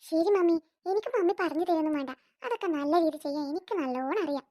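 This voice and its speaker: A woman's voice: very high voice, lively intonation, fast talker, dark tone, pitched below the performer's own voice. A woman voicing a spoiled, spiteful cartoon girl with a smug, whiny way of talking.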